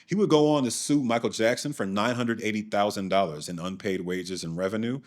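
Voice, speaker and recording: A man's voice: fairly low pitch, a little fast. A man hosting and narrating a documentary in a scripted way, with dry, sardonic asides. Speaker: documentary host.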